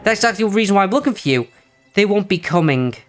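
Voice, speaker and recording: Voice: mid-range voice, animated, close to an everyday voice. A stern, no-nonsense academy teacher, voiced by a reader playing a game aloud, clipped and businesslike with a mid-range voice. Faint music plays underneath. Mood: brisk. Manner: brisk, clipped, official.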